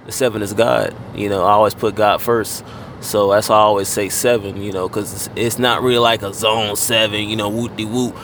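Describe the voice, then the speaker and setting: Laid-back low-voiced man, traffic noise. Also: level tone, a little fast, a bit bright. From Fort Lauderdale, Florida. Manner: laid-back, heavy on fillers and casual swearing. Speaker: guest rapper. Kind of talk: casual interview chat.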